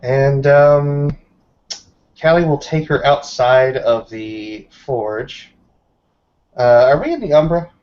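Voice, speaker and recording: A man with a medium-pitched, animated voice speaks slowly with long pauses while playing a tabletop roleplaying game. As a player, he chats casually and swears freely, captured in a dull, lo-fi recording.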